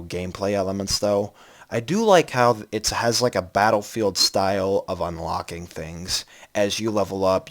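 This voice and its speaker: A man giving an unscripted video game review from his computer. He rambles, restarts often and yawns now and then. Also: deep voice. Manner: rambling, many ums and restarts; yawning, sleepy. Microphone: computer mic.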